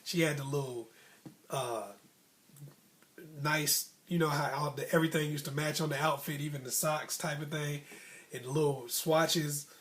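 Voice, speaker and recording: This American man, a storyteller host, has a voice on the high side and a moderate pace. He shares a personal story casually in animated slang, performing bits of dialogue from his childhood.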